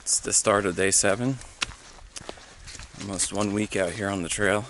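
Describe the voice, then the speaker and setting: Low-voiced young man vlogging on a trail. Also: steady tone. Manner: halting, many fillers, easygoing. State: out of breath while hiking uphill. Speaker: thru-hiker vlogger. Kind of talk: casual trail vlog. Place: outdoors on a mountain trail. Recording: outdoor clip with clear background noise.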